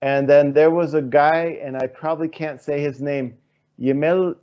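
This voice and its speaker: A man's voice: a little high, little pitch movement, moderate pace, smooth, lo-fi sound. A man hosting an interview, posing long, searching questions and thinking aloud with fillers. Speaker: interview host.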